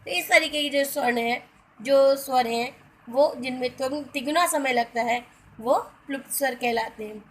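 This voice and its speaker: Woman, grammar teacher, high voice, spells out letters slowly, talks to students. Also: low-quality recording. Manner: addresses students as beta, spells out letters one by one; briefly sings film song lines as examples. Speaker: Hindi teacher. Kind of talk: grammar lesson.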